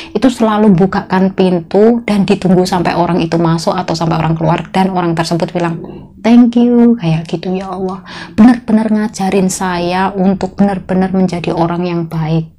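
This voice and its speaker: A woman in her thirties with a Javanese accent talks straight to her viewers in a low, mellow voice. She tells her own story in a chatty, expressive way, full of exclamations. It sounds like a home-made vlog recorded indoors. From Indonesia. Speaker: migrant domestic worker vlogger.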